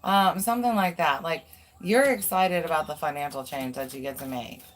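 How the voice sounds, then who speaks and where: A woman's voice: low-pitched, normal speed. Casual, swearing woman tarot reader. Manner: chatty, swears freely, many fillers like "um" and "like". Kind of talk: casual live tarot reading.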